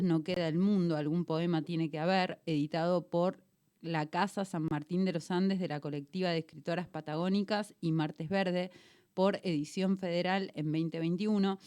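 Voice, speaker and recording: A woman's voice: fairly low pitch, a little mellow, smooth. A woman hosting a radio show, chatting casually and introducing a guest. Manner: chatty, laughs easily. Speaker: radio host. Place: radio studio.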